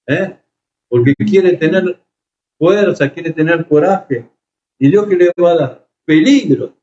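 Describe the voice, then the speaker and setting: A man preaches a sermon, his voice sitting high for a man. He tells his stories with emotion and stops often with hesitations. The recording is echoey and a little dull, like a church hall with a faint hiss behind. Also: a little mellow. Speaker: pastor.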